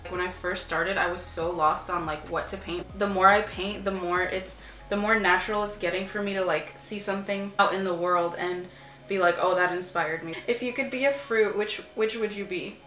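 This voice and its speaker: She's in her 20s, a native Arabic speaker, and an artist-vlogger doing a laid-back Q&A as she paints on her couch in a small home room. Her voice is lowish at a normal speed, full of "like" fillers. The camera sits a few feet away, the room echoes, and faint music plays behind her.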